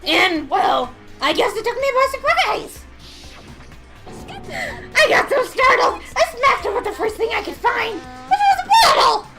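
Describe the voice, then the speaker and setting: A shrill, high, giggling killer girl who shouts with manic glee, as a woman puts her on. The voice jumps up and down wildly. Game music plays behind her. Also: very animated, unhurried, full character voice. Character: manic giggling murderous teenage girl alter ego.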